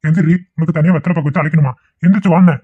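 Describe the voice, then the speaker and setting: Male actor for a hot-tempered rural cartoon husband with a Kongu Tamil accent, talking fast and a little high. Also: fairly even intonation, husky, no room sound. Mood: angry. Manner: shouting, nagging. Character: angry young village husband, scolding. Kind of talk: cartoon voice acting. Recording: tinny lo-fi phone-like audio.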